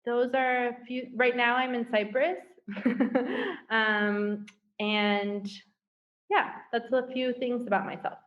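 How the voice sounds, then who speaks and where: A woman's voice: a little high, slow pace, dull audio. A woman from the United States, chatty and upbeat, laughing easily as a guest in a casual video-call interview.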